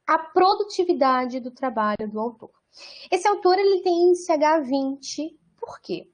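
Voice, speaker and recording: A Brazilian woman with a slightly high voice leads an online training session. She explains patiently and step by step. She keeps checking in with her listeners as she goes. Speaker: product trainer.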